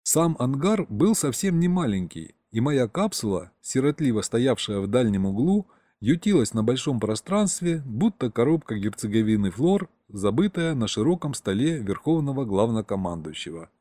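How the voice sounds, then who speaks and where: A man narrating a first-person audiobook with lively, ironic storytelling. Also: mid-range voice, moderate pace, few pauses, no echo.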